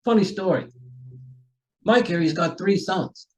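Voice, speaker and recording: A man playing a folksy, rambling homicide sergeant in a radio mystery, chatty, halting and courteous. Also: sits high. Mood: affable, probing. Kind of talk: amateur radio mystery acting.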